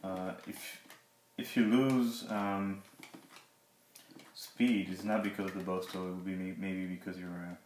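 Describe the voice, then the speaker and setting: A man with a low, flat voice talks through a casual demo. He is halting and slightly awkward, as if nursing a sore mouth after having teeth pulled. The recording is roomy and echoing, with some faint noise. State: in pain after dental surgery. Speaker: product reviewer, 3D artist. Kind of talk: casual unscripted tablet review and demo. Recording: roomy echo, background hiss and clicks.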